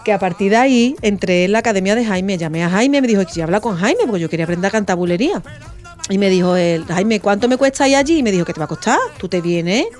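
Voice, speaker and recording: A woman's voice: mid-range voice, quick pace, soft background music. A woman, a radio guest telling an emotional story and acting out the quoted voices. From Andalusia, Spain. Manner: animated, acts out quoted dialogue.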